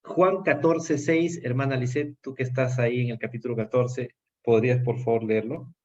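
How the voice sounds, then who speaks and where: A man's voice: medium pitch, fairly even intonation, moderate pace, a little mellow. A man with a Peruvian Spanish accent teaching a Bible class, earnest and full of fillers and restarts. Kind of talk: Bible study lesson. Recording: dull lo-fi sound.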